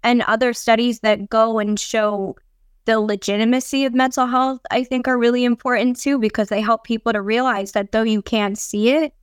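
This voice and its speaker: A woman speaking as a podcast guest in casual chat, earnest and encouraging in a measured way. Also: a little high, flat delivery, clean tone, dry recording.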